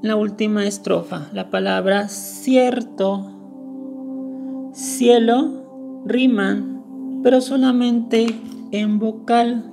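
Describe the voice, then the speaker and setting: A woman's voice: on the high side, steady tone, drawn-out words, creaky, long pauses, over music. A woman explaining a lesson step by step, going over each point carefully and repeating the key words. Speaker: teacher. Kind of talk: screen-recorded lesson.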